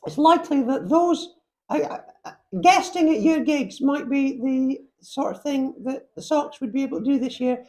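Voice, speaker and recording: A goofy sock puppet chats away in a very high falsetto. The voice is slightly muffled and rambles along like a seasoned comic in character. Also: male voice, moderate pace, a little mellow. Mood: chatty. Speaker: podcast guest, puppet comedy act. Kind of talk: improvised comic chat in character.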